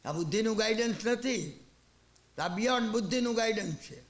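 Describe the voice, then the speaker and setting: Male preacher, animated storyteller, high pitch, roomy sound. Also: normal speed. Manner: animated storyteller acting out characters. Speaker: Jain preacher. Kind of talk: sermon with storytelling.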